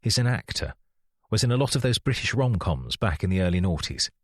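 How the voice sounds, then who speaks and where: A man voicing a sociable, enthusiastic young husband who talks with gentle teasing warmth. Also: sits low, sing-song, fairly quick, dry recording, studio quality.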